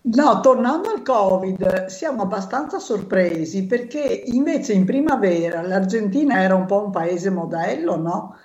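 A woman's voice: mid-range voice, lively intonation, unhurried, few pauses, a little mellow. A woman interviewer talks in a casual, conversational style. The room echoes strongly around her voice, and the recording is a little muffled and lo-fi. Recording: echoey room, slightly dull lo-fi sound.

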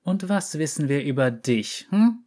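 A man's voice: a little high, very animated, measured pace, dark tone, voice pushed up. A man reading an audiobook story, voicing a hostile female veteran soldier who hisses threats. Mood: threatening. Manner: hissing and threatening.

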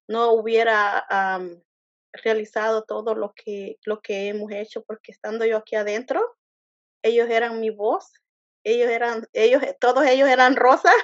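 A woman with a slightly high voice, telling her story in an earnest, halting way, stopping and restarting often. The sound is dull and lo-fi, with a dry, close feel. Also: no room sound. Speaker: interviewee. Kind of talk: emotional personal testimony.

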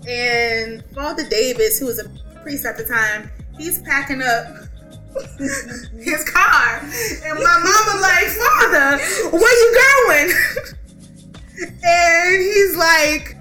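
A woman telling a story in casual chat, animated, laughing often, with lots of "like". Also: high-pitched, slow. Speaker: podcast co-host. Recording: roomy echo, faint music behind.

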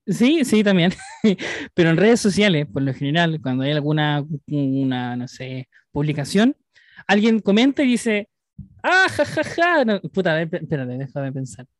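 A man's voice: a little high, moderate pace, darkish tone, dry recording, clean studio sound. A Chilean man co-hosting a podcast, ranting crudely in casual banter and swearing often. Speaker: podcast co-host.

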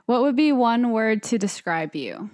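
A woman's voice: fairly high pitch, very animated, unhurried, a little mellow. A woman co-hosting a podcast who asks questions in an easygoing way and mostly keeps her replies short. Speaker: podcast co-host. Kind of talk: casual conversational interview.

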